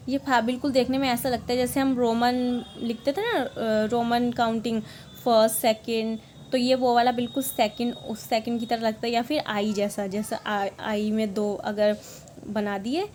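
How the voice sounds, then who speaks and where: A young woman, explaining a language lesson patiently, often pausing to check that it's understood. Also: on the high side, darkish tone, slight background noise. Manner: patient, repeats points, often asks "okay?". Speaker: language teacher.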